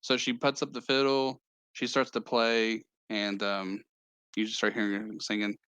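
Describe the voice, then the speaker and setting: A man's voice: fairly low pitch, flat delivery, fairly bright tone, clean tone, no echo. Guy game master narrating a tabletop game, lots of ums, dry close sound. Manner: halting, many fillers and restarts.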